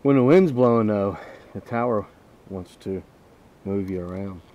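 The dull-sounding audio captures a fishing vlogger with a lowish voice and measured pace, offering casual, folksy commentary from a small boat on a lake, as though talking to himself and his viewers. Boat and water noise sits faintly in the background.

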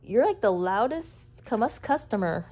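A mother at home in casual family chat, gently coaxing and instructing, with dry joking asides. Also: mid-range voice, big pitch swings, unhurried.

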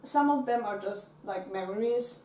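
A woman's voice: mid-range voice, moderate pace, dark tone, slight background noise. Young woman from Austria, distant roomy sound. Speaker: interviewee. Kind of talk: casual interview answers. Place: small dormitory bedroom. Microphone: far camera.

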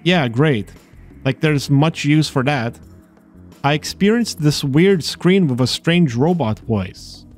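A man's voice: on the high side, lively intonation, takes it slowly. A man narrating a scripted voice-over about a video game, with dry, sarcastic asides. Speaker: video host exploring games. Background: faint game music.

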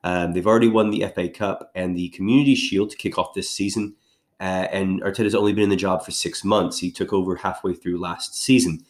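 Man, slightly low voice, head cold, casual betting preview, rambling with fillers. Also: darkish tone. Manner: rambling, filler-heavy delivery. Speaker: sports betting analyst host.

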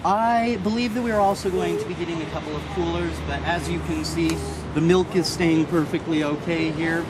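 A man's voice: on the high side, fairly quick. A young man casually showing visitors around an outdoor protest camp, chatty and easygoing, laughing now and then. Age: young adult. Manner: relaxed, chatty, laughs easily. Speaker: camp resident giving a tour. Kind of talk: casual guided tour. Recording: outdoor noise behind.

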